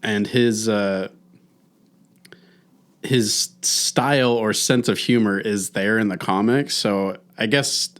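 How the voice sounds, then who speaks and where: Low-voiced thoughtful male co-host. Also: slow pace, fairly bright tone. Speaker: podcast co-host. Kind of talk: casual chat.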